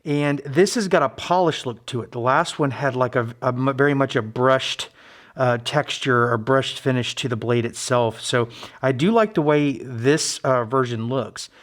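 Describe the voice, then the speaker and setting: A man narrating a casual hands-on build vlog in a halting, low-key, modest way, his voice slightly muffled by a face mask. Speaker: hobbyist knife maker and video host. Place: friend's basement workshop.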